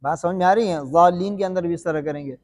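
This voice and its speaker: Male recitation teacher with a high voice: repeats questions, drags out the examples, sounds heavily reverbed. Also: darkish tone. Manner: repeats questions to the students and answers them himself; slow, drawn-out demonstration recitations. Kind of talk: classroom-style recitation lesson.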